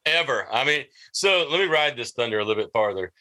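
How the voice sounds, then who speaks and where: A man's voice: medium pitch, animated, fast, bright, forceful tone. A man with a Southern US accent co-hosting a podcast interview, playful and folksy in his casual chat.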